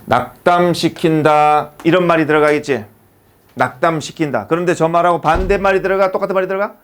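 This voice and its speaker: A fast-talking man with a higher-pitched voice runs an English lesson for his high school class. He's energetic, firing off rhetorical questions one after the next.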